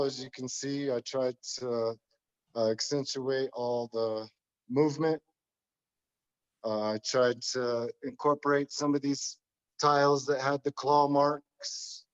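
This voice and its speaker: A man with a slightly hoarse voice, talking casually and haltingly as a tile installer walking someone through his work. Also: mid-range voice, lo-fi sound. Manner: hesitant, halting. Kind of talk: casual informal walkthrough talk.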